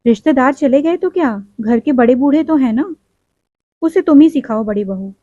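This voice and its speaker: Domineering old matriarch, high voice, dull lo-fi sound; woman narrator voices her. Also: animated, moderate pace, dark tone, no echo. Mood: scolding. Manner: scolding, commanding. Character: stern traditional older mother-in-law. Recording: dull lo-fi recording.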